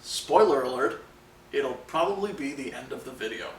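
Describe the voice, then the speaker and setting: A man's voice: mid-range voice, lively intonation, normal speed. A man co-hosting a film podcast, chatting eagerly and casually. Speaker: podcast co-host. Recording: roomy, distant mic, faint noise.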